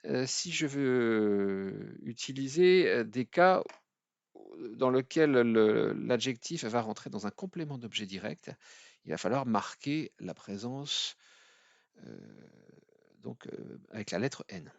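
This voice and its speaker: A man from France teaching a language lesson at a board, hesitant with many fillers, slowing down to spell out each example word. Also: medium pitch, lively intonation, vocal fry, no echo, muffled recording. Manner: slow, careful spelling-out of example words. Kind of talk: explaining at a whiteboard.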